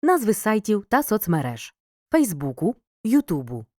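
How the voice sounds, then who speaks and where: A woman reading a scripted grammar lesson as a teacher, clear and measured, pausing between listed words. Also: medium pitch, sing-song, a little mellow. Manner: clear, measured, reads word lists with pauses. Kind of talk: scripted educational narration.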